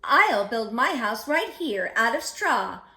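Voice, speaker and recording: Woman as an excitable, high-voiced little boy pig. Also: slow pace, full character voice. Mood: cheerful. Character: carefree, playful young male pig, easily frightened. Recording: echoey room.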